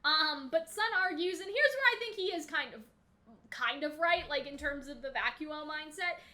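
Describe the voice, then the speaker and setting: A woman with a very high, bright voice hosts a casual book discussion. She talks animatedly, with quick asides and free swearing, and she keeps the talk lively. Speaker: host.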